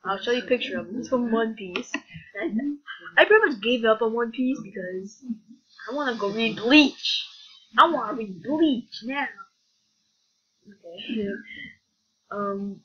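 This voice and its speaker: A woman's voice: a little high, unhurried, pauses often, a bit bright. A young woman chatting casually in a rambling vlog, giggling often with a scattered, offhand manner. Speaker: vlogger. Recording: dull lo-fi sound.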